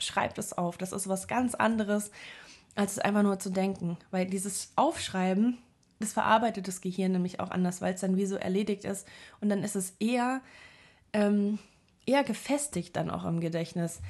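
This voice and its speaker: A young woman talks straight to her viewers in a loose, reflective monologue. She is earnest and rambling, full of little fillers and restarts as she gives advice, and her voice sits at an ordinary middle pitch. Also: darkish tone. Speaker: vlogger giving self-help advice.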